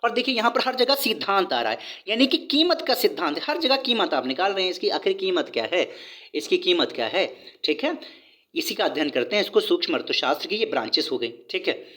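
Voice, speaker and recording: A man's voice: sits high, sing-song, fairly quick, pushed and bright. Male teacher who reads a bit from a book and then explains it in plain talk, chatty and repetitive. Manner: conversational, repeats points and asks rhetorical questions. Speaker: economics teacher. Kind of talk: explanatory video lesson.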